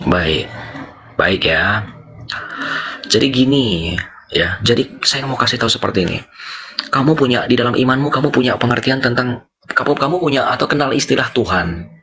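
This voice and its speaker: A young man talks through religious definitions on a live stream, circling back and repeating each point like a teacher. His voice sits at an ordinary middle pitch and his tone is conversational. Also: normal speed, pauses often, bright, forceful tone. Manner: explanatory, repeats points, lecturing. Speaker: live stream host answering callers. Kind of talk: casual religious discussion.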